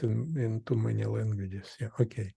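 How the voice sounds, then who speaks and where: A man in a seminar audience, speaking in a halting, hesitant way. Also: lowish voice, fairly even intonation, creaky, dark tone, husky, no room sound. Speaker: seminar attendee. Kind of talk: questions from the audience.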